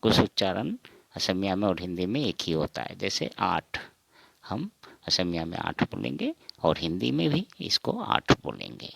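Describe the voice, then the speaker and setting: A man teaching a counting lesson, saying each number slowly and asking and answering his own questions. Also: low-pitched, huge pitch swings, creaky. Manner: repeats each word, asks and answers himself. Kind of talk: slow spoken counting lesson.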